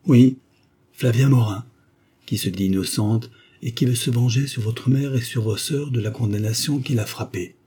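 A man reading the lines of a calm, earnest viscount who gives grave, persuasive counsel in an audiobook. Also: mid-range voice, normal speed, husky, voice pushed up, lightly acted. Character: calm, earnest male viscount, loyal friend.

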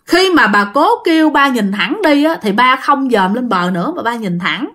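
A woman tells a ghost story in a casual, chatty way, turning often to address her listeners directly. Her voice sits high and moves through a very lively range of pitch. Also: normal speed.

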